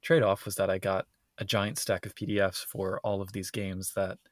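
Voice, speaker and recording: A man's voice: deep voice, level tone, normal speed, dry recording, studio quality. A man co-hosting a podcast in casual conversation, recorded inside a closet at home. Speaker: podcast co-host.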